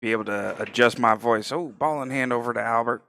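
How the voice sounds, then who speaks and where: A man's voice: medium pitch, fairly quick, creaky, bright, forceful tone, rough recording. A man giving casual live play-by-play of a pool match, thinking aloud about shot choices. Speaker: pool commentator.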